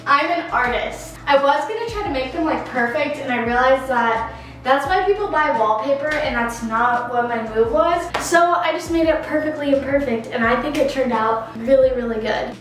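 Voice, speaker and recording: Young woman, high voice, bubbly casual vlogger, echoing empty room, camera a few metres off. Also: animated, normal speed, a bit bright, distant mic. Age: 20s. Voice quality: echoey, reverberant room sound. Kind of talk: casual chat to camera about a room makeover. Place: small bare indoor room with hard floor. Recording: echoey empty room, music underneath.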